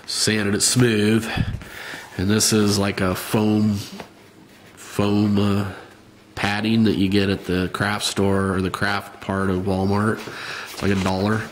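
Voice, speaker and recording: A man's voice: fairly low pitch, slight background noise. A man with a nasal voice giving a casual, rambling how-to demonstration of his hobby work, with plenty of fillers. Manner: rambling, plain-spoken, many fillers. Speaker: hobbyist showing a rifle customization.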